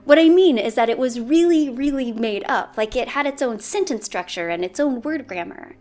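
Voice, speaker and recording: Woman host doing a jokey explainer, highish voice that bounces all over, punchy quips. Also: animated, moderate pace, a little mellow, soft background music. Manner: playful, punchy, self-mocking asides. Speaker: host of an educational video series. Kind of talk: scripted comedic explainer narration.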